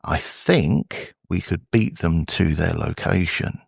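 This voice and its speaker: A man's voice: low-pitched, slow pace, vocal fry, husky, no room sound, clean studio sound, exaggerated voice. A man voicing an alluring, mysterious woman with a persuasive proposition, in a tabletop role-play. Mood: scheming.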